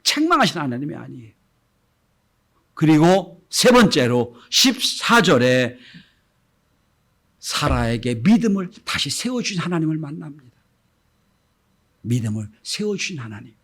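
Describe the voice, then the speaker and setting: Male pastor, middle-aged, Sunday sermon; slightly high voice, swings from hushed to loud, acts out quotes. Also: sing-song, measured pace, long pauses. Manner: acts out gentle quoted speech, swings between soft and loud.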